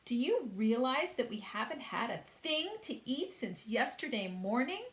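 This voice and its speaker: A woman's voice: fairly high pitch, sing-song, unhurried, roomy sound, voice pushed up. A woman doing a gloomy, doom-laden earthworm. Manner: wailing, pessimistic. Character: gloomy blind male earthworm, doom-saying complainer.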